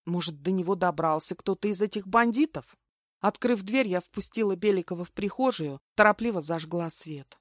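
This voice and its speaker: A woman's voice: on the low side, normal speed, no room sound, studio quality. Woman narrating a first-person audiobook.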